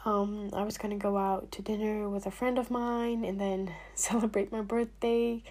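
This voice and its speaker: A late-teen vlogger talks casually to the camera, her husky voice still slightly hoarse from a recent illness, and she clears her throat now and then. Her pitch is medium, her tone steady and her pace moderate. She fills her speech with fillers and lets words trail off into soft near-whispers.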